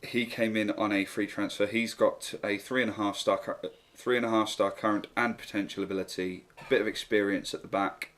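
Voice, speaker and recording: A man with a low, fairly flat voice commentates over a football management game. He works through the player signings one by one in an even, unhurried, matter-of-fact manner, recorded as a desk-mic voice-over. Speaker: gaming YouTuber.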